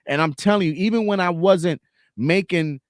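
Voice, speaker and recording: Slang-heavy man, animated. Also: high-pitched, moderate pace, dry recording, studio quality. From Trinidad and Tobago, raised in Boston and Queens. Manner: animated, slangy, repeats himself for emphasis. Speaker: podcast co-host. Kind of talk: casual podcast chat.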